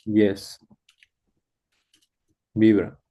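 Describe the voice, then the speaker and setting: A man's voice: fairly low pitch, level tone, drawn-out words, warm tone. A man answering as a student in an English lesson, giving short hesitant replies and repeating sounds.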